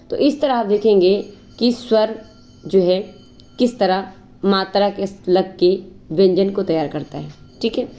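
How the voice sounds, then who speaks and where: A woman teaches an exam-prep grammar lesson in a warm, mellow voice. She explains things step by step, poses questions and answers them herself, and stretches vowels to demonstrate them. The audio is a little dull and lo-fi. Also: mid-range voice. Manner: explanatory, repeats "ठीक है" and asks rhetorical questions; drawls vowels long to demonstrate.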